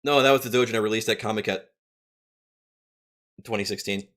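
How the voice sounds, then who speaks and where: A man's voice: fairly low pitch, brisk, fairly bright tone. A man co-hosting a watch-along, joking and teasing and trying to keep a straight face. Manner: joking, teasing, holds back laughter. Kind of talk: casual reaction chat.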